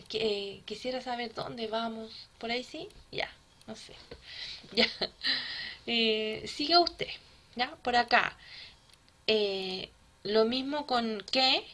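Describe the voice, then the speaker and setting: A woman teaching a grammar lesson to children, patient and often checking with a quick "¿ya?". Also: a little high, bright, forceful tone.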